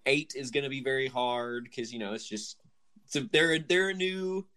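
A man's voice: mid-range voice, normal speed, sharp tone. A young man co-hosting a podcast, chatting casually and enthusiastically, rambling and joking at his own expense. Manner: rambling, enthusiastic, self-deprecating with laughs. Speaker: podcast co-host.

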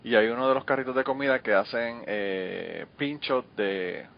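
A Puerto Rican man chats in a loose, storytelling way and swears offhandedly. His voice sits at an average pitch, and the recording sounds dull and lo-fi. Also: normal speed, creaky. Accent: Puerto Rican Spanish. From Puerto Rico. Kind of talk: casual chat.

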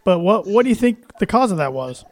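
A man with a notably high voice hosts a sports podcast in easy, chatty talk, full of friendly fillers. The sound is dry and close, with no room around it. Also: big pitch swings, a little fast, darkish tone, dry recording. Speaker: podcast host. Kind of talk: casual sports podcast chat.

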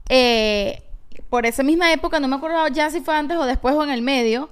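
Young woman on a podcast, high voice, super chatty and expressive. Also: fairly quick. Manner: expressive and chatty, laughs easily. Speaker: podcast co-host. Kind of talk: casual chat.

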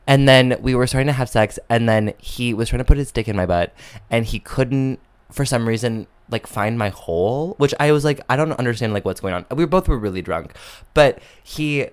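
A young man, telling a story in casual podcast chat, animated and camp, with many fillers. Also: mid-range voice, normal speed, clean tone, dry recording. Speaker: podcast co-host.

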